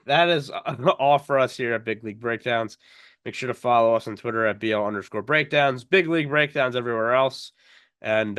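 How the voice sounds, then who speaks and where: A man's voice: mid-range voice, clean tone, dry recording. A man co-hosting a casual sports podcast, stammering through restarts and laughing with his co-hosts. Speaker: podcast co-host.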